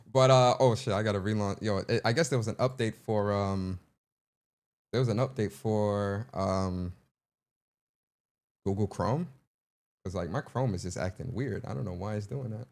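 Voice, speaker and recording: A young man hosting a casual livestream, playful and animated, talking straight to his chat. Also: on the low side, a little slow, pauses often. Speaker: livestream host.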